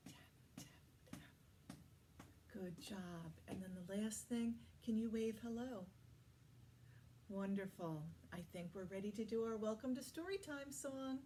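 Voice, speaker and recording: A woman's voice: mid-range voice, a little mellow, a little hiss or hum. A woman working as a children's librarian, leading a toddler story time with encouraging, simple phrases, questions and praise for young children.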